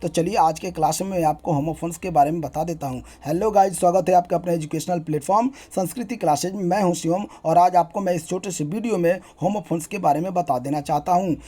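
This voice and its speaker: A young man gives an English grammar lesson, spelling words out letter by letter and explaining them in a brisk, repetitive, teacherly manner. His voice sits high and has a warm tone.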